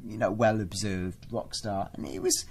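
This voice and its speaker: Male co-host, low voice, eager and descriptive, casual chat. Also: steady tone, moderate pace, a little mellow, breathy edge. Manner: enthusiastic, descriptive, many fillers.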